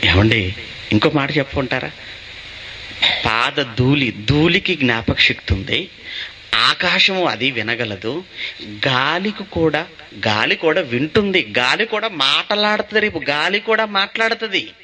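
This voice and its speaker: A man's voice: fairly high pitch, expressive, a little slow, pushed and bright, slight background noise. A male pastor preaching a sermon, asking his listeners questions and answering them himself.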